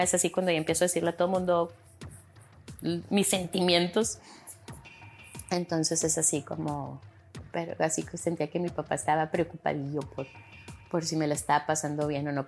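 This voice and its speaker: A woman's voice: on the low side, a little mellow. A young woman from Chihuahua, rambling casually as a podcast host and acting out quoted speech. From Chihuahua, Mexico. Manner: rambling, many fillers, acts out quotes. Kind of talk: casual monologue.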